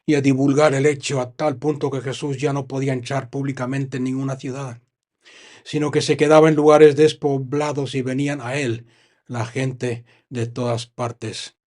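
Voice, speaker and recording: A man with a Spanish accent from Spain, preaching a sermon and reading Bible verses aloud, with frequent pauses to comment and stress his points. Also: medium pitch, flat delivery, darkish tone. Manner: reads scripture, then stops to comment and stress points. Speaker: pastor.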